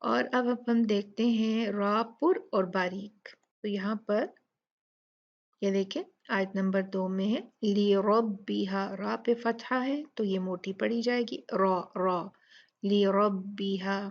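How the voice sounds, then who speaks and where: Slow, gravelly-voiced woman teaching recitation. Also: mid-range voice, fairly even intonation, dull audio. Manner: patient, repeats sounds syllable by syllable. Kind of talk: step-by-step tajweed lesson.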